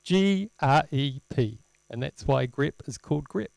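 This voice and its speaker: A man presenting an informal live technical demo, halting as he thinks aloud, with wry, self-deprecating humour. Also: medium pitch, lively intonation, gravelly, a little mellow, dry recording. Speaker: presenter at a tech meetup. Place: indoor lecture room, presenting at a screen. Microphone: handheld microphone.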